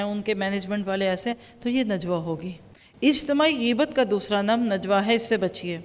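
A woman teaching a Quran lesson, lively and acting out everyday dialogues as examples. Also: on the high side, big-room sound. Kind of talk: religious lecture.

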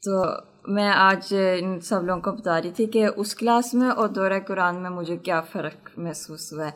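A woman's voice: fairly low pitch, fairly bright tone. A woman student earnestly telling her class about her own experience, explaining it with a homely comparison. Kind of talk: sharing a personal reflection.

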